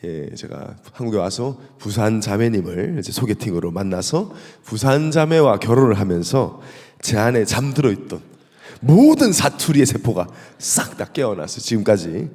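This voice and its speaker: A male pastor with a Gyeongsang accent, giving a lively, humorous sermon and asking the congregation questions. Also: on the low side, moderate pace. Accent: Gyeongsang Korean. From South Korea. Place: church sanctuary. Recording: echoey church hall.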